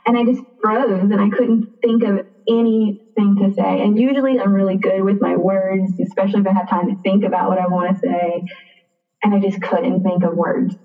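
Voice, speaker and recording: A young woman telling a personal story as a podcast guest, chatty and full of "like" and quick restarts. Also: mid-range voice, fairly even intonation, faint music behind. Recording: thin phone-like sound, distant from the mic.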